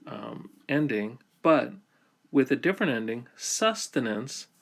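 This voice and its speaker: A man teaching a grammar lesson, explaining step by step in slow, deliberate phrases with many pauses. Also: medium pitch, creaky.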